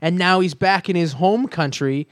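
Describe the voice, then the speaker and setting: A man's voice: high-pitched, moderate pace, no echo, clean studio sound. A man co-hosting a casual comedic chat, rambling and riffing in put-on voices. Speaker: podcast co-host.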